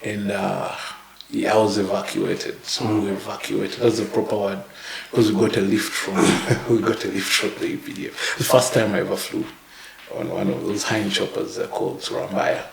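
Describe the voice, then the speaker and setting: A man in his thirties from Uganda, a podcast guest telling his life story in a halting way with many fillers and little chuckles. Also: fairly low pitch, little pitch movement, vocal fry, echoey room, low-quality recording. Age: 30s. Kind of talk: casual interview, life story.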